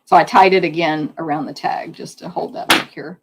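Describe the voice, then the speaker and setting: A woman with a hoarse voice, chatting casually as she demonstrates a card-making project step by step. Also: deep voice, fairly even intonation, a little fast, noisy background. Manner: chatty, hands-on explaining while working. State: losing her voice. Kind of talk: live craft demonstration.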